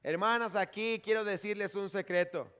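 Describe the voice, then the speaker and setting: A man interpreting a sermon live, following the preacher phrase by phrase. His voice is high and smooth, and his manner is eager. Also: moderate pace, a bit bright.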